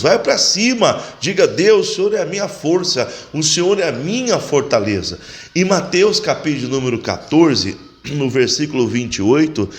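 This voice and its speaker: A man preaching a sermon as pastor, exhorting his listeners, repeating phrases and reading scripture aloud. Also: a little high.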